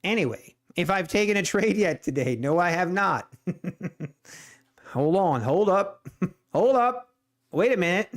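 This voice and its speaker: Speaking slowly with long pauses, a man with a high, expressive voice rants on a day trading live stream. He's from Ohio, has a Swiss German accent, and his casual, exasperated talk rambles with frequent restarts and repeats.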